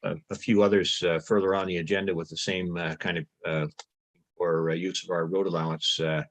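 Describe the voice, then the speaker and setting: A male councillor asking a question at a council meeting, halting and deliberate with many pauses and fillers. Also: low-pitched, flat delivery, a bit bright.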